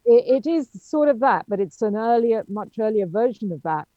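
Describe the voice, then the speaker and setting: A woman's voice: on the high side, animated, normal speed, no echo, muffled recording. A woman chairing an academic seminar. She speaks hesitantly, with many ums and restarts. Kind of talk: academic discussion.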